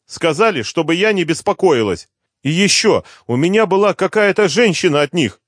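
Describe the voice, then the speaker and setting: A man voicing a frightened elderly mother who shouts in alarm on the phone in an audiobook. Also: a little high, very animated, moderate pace, no room sound, clean studio sound, voice pushed up. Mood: frantic, scared.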